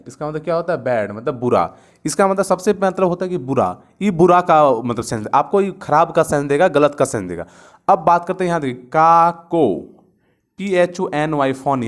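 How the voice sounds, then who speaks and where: A man. He spells words out letter by letter and keeps asking and answering his own questions. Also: fairly high pitch. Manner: repeats words and asks himself questions. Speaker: vocabulary teacher. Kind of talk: online vocabulary lesson.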